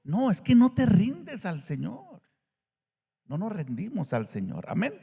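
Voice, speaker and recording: Animated high-voiced man preaching. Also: unhurried, vocal fry, husky, in a large hall. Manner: animated, rhetorical questions to the congregation. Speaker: pastor. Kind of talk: sermon.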